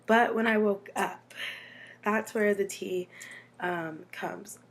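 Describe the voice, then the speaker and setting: A woman's voice: medium pitch, slow pace. An American woman with a runny nose from being sick, telling a personal story in a casual, chatty, informal way with dramatic asides. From Texas, United States.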